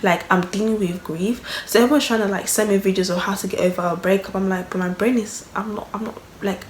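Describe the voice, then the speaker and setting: A woman's voice: medium pitch, steady tone, quick pace. A young woman telling a personal story in a candid vlog, rambling and emotional, full of fillers. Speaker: vlogger. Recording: echoey room, faint background noise.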